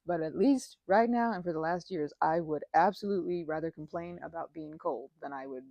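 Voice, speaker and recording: Her voice is low-pitched and gravelly, moving fairly quickly, captured in a dry, lo-fi recording. She's a woman in a casual ASMR roleplay acting as a best friend, chatting loosely and often interrupting herself mid-thought.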